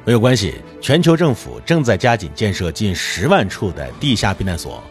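Man voicing a TV anchor, low voice, swooping announcer tone, audio drama. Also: sing-song, brisk, faint music behind. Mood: announcing. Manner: smooth announcer delivery. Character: glib male TV news anchor.

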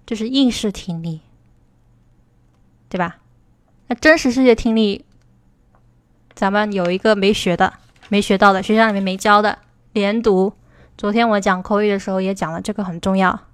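A woman teaching English pronunciation in a livestream. She explains step by step, checks in with her listeners and slows down to model English words. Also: medium pitch, fairly even intonation, smooth, no echo. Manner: explanatory, asks "对吧" to check understanding. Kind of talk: livestream lesson.

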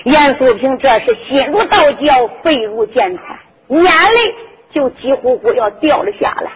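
High-voiced female folk storyteller. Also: expressive, measured pace, breathy edge. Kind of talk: traditional storytelling narration. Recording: dull lo-fi with music behind.

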